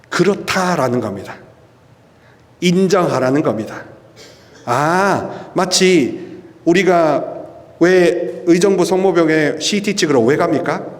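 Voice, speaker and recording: In a church hall with long reverb, a male priest whose voice sits a little high gives an energetic charismatic sermon at a prayer meeting. He stresses words by drawing them out and keeps asking rhetorical questions.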